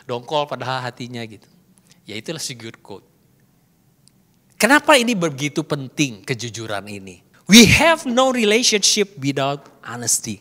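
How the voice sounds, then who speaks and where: Lively pastor preaching in an echoey hall. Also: male voice, medium pitch, normal speed. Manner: lively, asks the congregation questions, mixes in English words. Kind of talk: sermon. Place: church hall.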